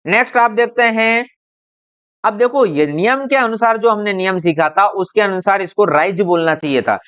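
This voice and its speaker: A patient teacher walks through a lesson in a smooth, clear voice at a middling pitch. The teacher keeps circling back, asks the viewer questions and answers them, and stretches each example word out slowly. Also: fairly bright tone. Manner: patient and repetitive, drawing out example words slowly. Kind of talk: classroom-style explainer video.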